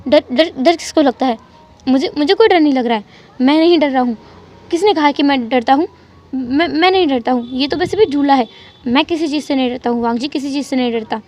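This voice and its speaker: A woman's voice: high voice, brisk, a little mellow, soft background music, lightly acted. A woman voicing a flustered young man who stammers as he denies being scared, in a storybook reading. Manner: stammering, defensive. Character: flustered young man hiding his fear.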